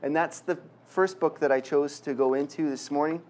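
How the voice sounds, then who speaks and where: His voice is on the high side, a little mellow, with fairly even intonation at normal speed. The speaker is a middle-aged guest preacher from Quebec, Canadian-accented, offering a conversational sermon with self-deprecating jokes and prayer.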